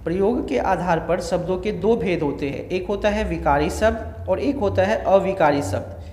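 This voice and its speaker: A man teaching a grammar lesson, going slowly and listing example words one at a time. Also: high-pitched, darkish tone, slight background noise. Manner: slow, repeats examples one word at a time. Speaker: school teacher. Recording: echoey room with long reverb.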